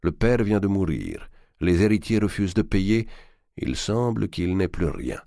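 An old, shrewd banker, as a man reads him, speaking slow and low, calm and weighing each word. The voice is deep and close, with a dry sound. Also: vocal fry, no room sound, full character voice. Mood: measured. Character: old cunning male banker, tender with his nephew.

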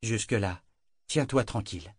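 A man voicing a young woman sailor who speaks calmly and with measured control. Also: fairly low pitch, slightly rough, dry recording, studio quality. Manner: calm, measured.

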